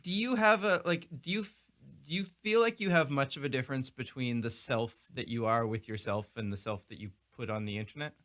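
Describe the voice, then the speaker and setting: A man hosts a casual interview on a live stream, asking long, rambling questions full of restarts. His mid-range voice is fairly bright, and he talks a little fast.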